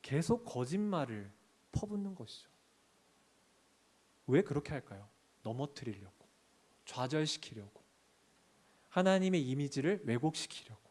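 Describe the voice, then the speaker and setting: Korean pastor preaching a Sunday sermon. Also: male voice, on the high side, sing-song, unhurried, pauses often, darkish tone. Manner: asks the congregation questions and answers them; reads scripture aloud. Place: church sanctuary.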